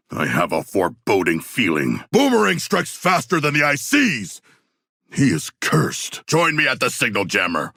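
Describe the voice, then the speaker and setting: A man playing a hulking, proud humanoid shark warrior in a video game, speaking in stilted, grandiose formal phrases with a gravelly voice. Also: mid-range voice, sharp tone, no room sound, clean studio sound, full character voice. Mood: battle fervour, shouting. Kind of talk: video game character dialogue.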